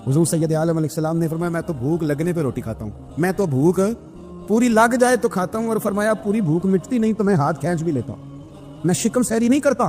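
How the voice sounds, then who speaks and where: A man preaching an emotional sermon, telling stories and voicing the people in them, moving between soft and raised delivery. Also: high-pitched, lively intonation, a little fast, faint music behind. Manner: storytelling, voicing figures in quoted dialogue.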